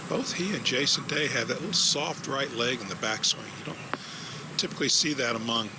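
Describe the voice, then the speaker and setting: A man's voice: mid-range voice, a little fast. Male live golf commentator, mid-range voice, conversational analysis, very noisy outdoor sound.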